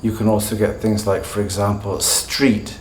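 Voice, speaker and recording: Low-voiced British man teaching pronunciation. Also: little pitch movement, reverberant, a little hiss or hum. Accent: standard British English. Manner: measured, slows down to model example words. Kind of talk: pronunciation lesson.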